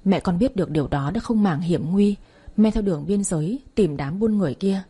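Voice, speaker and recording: A woman reading the lines of a grieving father in an audio story, in a steady explaining manner. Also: mid-range voice, a little fast, breathy edge, close to an everyday voice. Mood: grave. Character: grieving father telling hard news.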